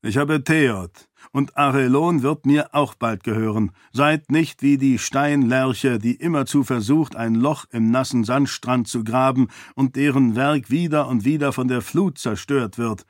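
A man voicing a stern, cunning male warrior priest with a slight foreign accent, speaking calmly and condescendingly. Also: mid-range voice, dry recording, clean studio sound, lightly acted. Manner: calm, measured, condescending.

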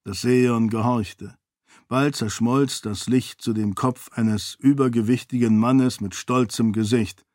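Guy narrating a fantasy audiobook, slow steady reading, dry close mic. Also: medium pitch, no room sound.

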